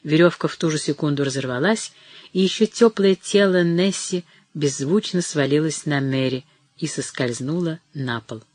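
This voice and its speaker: An audiobook narrator giving steady, measured scripted reading of a novel. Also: medium pitch, no echo.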